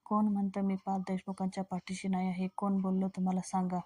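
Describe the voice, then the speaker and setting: A woman's voice: medium pitch, monotone, quick pace, mellow, natural voice. Brief: poised young wife rebuking the press, dry and firm, as a woman reads her in a recap. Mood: defiant. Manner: firm, sarcastic retorts.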